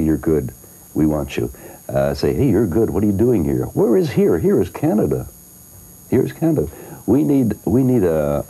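Older guy in an interview, deep husky voice, dark tone, chatty, lots of uh and um. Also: rough recording. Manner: chatty, laughs often, many fillers and restarts. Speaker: guest, singer and actor. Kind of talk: interview, storytelling.

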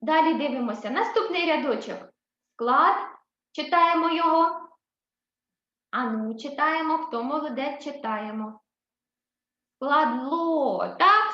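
A woman teaching a first-grade writing lesson with a Ukrainian accent, speaking slowly and patiently and praising the children often. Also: sits high, fairly bright tone. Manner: encouraging, often asks "так?" and praises the children. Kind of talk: slow, patient classroom instruction. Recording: roomy, slightly dull recording.

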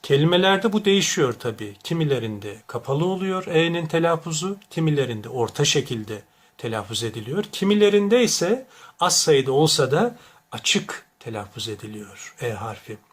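A man giving a diction lesson, deliberately saying each word wrongly and then correctly to contrast the sounds. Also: on the high side, very animated, slightly rough. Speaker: diction teacher.

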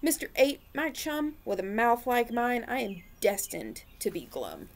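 A woman's voice: fairly high pitch, wildly swooping pitch, a little slow, exaggerated voice. A woman voicing a gloomy, mopey male fish in a storybook reading, with a sulky sing-song delivery. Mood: glum.

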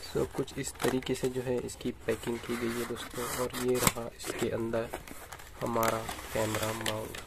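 A man casually narrates an unboxing and setup tutorial indoors at home, the camera over the tabletop where his hands work. He explains steadily and addresses viewers often, in an unhurried, gravelly, mid-range voice over heavy background noise.

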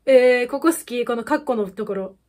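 A young woman chats over a music video in a casual reaction style. Her voice sits fairly high, and she gushes with quick exclamations and bursts of laughter. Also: a little mellow. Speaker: idol fan YouTuber.

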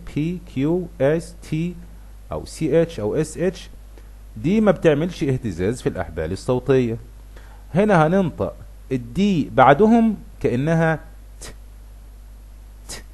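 A middle-aged man with an Egyptian Arabic accent, teaching English pronunciation and drawing out example words slowly. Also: on the high side. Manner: lively, stretches words slowly to demonstrate sounds. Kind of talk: explaining pronunciation to viewers.

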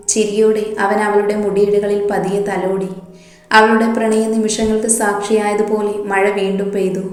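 A woman narrating a romance story in a steady, even manner. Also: mid-range voice. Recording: very echoey room.

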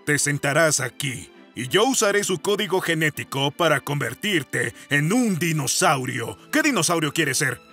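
A man voicing an eccentric, bossy mad-scientist monster with a grandiose, impatient manner in an animated gaming roleplay. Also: fairly high pitch, normal speed, hardly any pauses, soft background music, exaggerated voice. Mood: scheming. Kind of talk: animated Minecraft roleplay dub.

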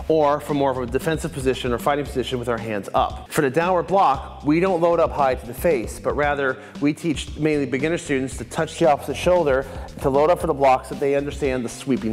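Speaking fairly quickly in a medium-pitched voice, a man in his thirties gives instructional commentary at an indoor martial arts dojo, methodically comparing and explaining blocking techniques. Soft music plays under a long reverb tail, and he wears a lapel mic in a medium shot.

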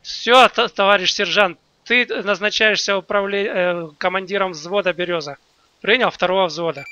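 A man playing a military game as company commander, giving halting, commanding radio orders over voice chat. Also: high-pitched, pushed and bright, highs cut off, a little hiss or hum.

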